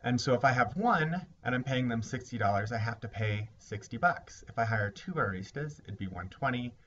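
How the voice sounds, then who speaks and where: A man teaching a recorded lesson, explaining ideas step by step in a measured way. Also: medium pitch, animated, fairly bright tone. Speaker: instructor. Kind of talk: recorded lecture. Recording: slightly dull lo-fi recording with faint hiss.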